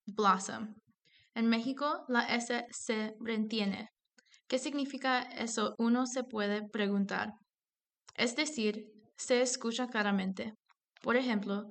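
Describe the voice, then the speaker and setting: Young woman reading a lesson, higher voice. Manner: careful explanatory reading, slows down on example words. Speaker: student presenter. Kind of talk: scripted educational narration.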